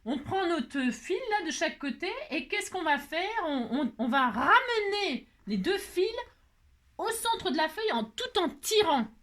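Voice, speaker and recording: A woman from France hosting a casual craft tutorial, talking in a playful, self-mocking way and tagging her sentences with a quick "hein". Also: very high-pitched, big pitch swings, fairly bright tone. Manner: cooing baby talk to her pet. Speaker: crafting video host.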